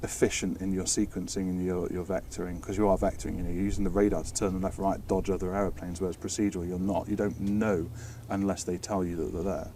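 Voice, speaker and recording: Speaking at a quick pace with few pauses, a British man with a low-pitched, warm voice shows little pitch movement. He chats informally in an interview about technical air traffic control work, hesitating and restarting words. A distant mic records faint background noise and ambience.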